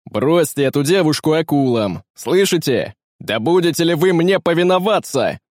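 A man's voice: medium pitch, lively intonation, moderate pace, a little mellow, no room sound, studio quality, close to an everyday voice. A male narrator voicing a cruel pirate captain who barks orders and mocks his captives. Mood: furious. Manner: barking orders, cold mockery.

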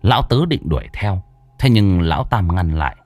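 A man narrating a ghost story in a dramatic, animated way. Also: low voice, moderate pace, no room sound, faint music behind.

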